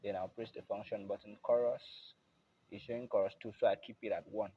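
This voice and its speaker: A man's voice: lowish voice, fairly even intonation, brisk, slightly rough, highs cut off. A man giving a patient, casual step-by-step keyboard tutorial at his instrument. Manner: plain, patient, repeats "I believe you can hear".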